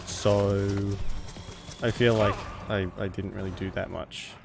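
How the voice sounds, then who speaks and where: A low-voiced man chats through a game on a live stream. His speech is creaky and gravelly, wandering and stopping as he goes, with casual swearing. There is clear noise behind him. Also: level tone, slow. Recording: clearly noisy home stream recording. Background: background noise, cat scratching at door.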